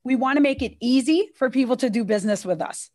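A woman's voice: high voice, quick pace, darkish tone. Friendly businesslike woman presenting online. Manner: businesslike, friendly, many fillers. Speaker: agency executive presenting a webinar. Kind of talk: casual presentation Q&A. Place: room with a production team.

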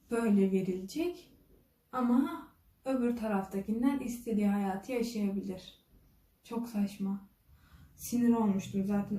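A woman's voice: mid-range voice, warm tone. A woman vlogger telling a personal story casually, acting out the dialogue with a constant "she said" and "I said". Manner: retells dialogue with frequent "dedi" and "dedim". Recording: echoey room, voice from a distance.

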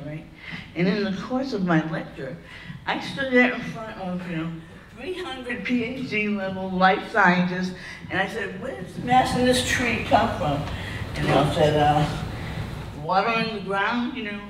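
An older woman, a plant scientist on a panel, telling a story in a lively, chatty way with "you know" and "right?". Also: medium pitch. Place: conference room with audience. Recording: echoey room heard from a distance, faint noise.

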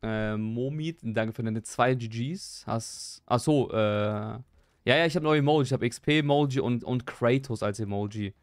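A young man chatting live while he plays a game, excitable, repeating his exclamations and joking at his own expense. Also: medium pitch, moderate pace, no echo, studio quality. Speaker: gaming streamer. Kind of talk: live gameplay stream chat.

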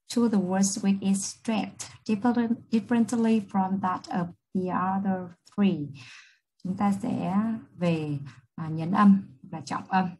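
Woman teacher, Vietnamese accent, husky low voice, slow English readings, brisk explanations. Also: mellow, low-quality recording. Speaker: high school English teacher. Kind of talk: exam review lesson.

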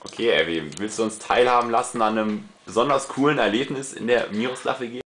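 A man's voice: medium pitch, fast, fairly bright tone. An eighteen-year-old man asks his housemates easygoing questions on camera. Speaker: interviewer. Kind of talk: casual interview questions.

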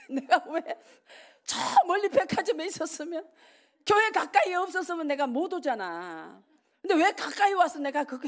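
In a church sanctuary, a middle-aged woman preacher gives a testimony sermon in an extremely high voice with vocal fry. She tells her story vividly and with animation, acting out the dialogue and laughing often.

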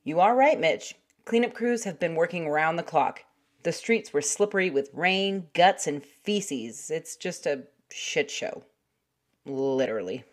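A brash, foul-mouthed puppet co-host trading sarcastic jabs, voiced by a woman. Her voice sits fairly low for a woman, with a cheeky bite. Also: expressive, unhurried. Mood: sassy. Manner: brash, sarcastic, swears freely.

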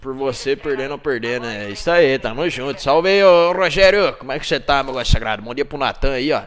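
A man's voice: medium pitch, lively intonation, fast talker, fairly bright tone, slight background noise. A man with a Brazilian Portuguese accent streaming a game live, trash-talking and greeting chat viewers.

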